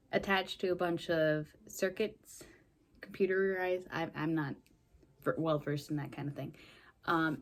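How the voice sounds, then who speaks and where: Lady rambling through a bad movie plot, lowish voice, laughs a lot. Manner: chatty, laughs often, lots of fillers and "like". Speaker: movie podcast host. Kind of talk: casual movie recap.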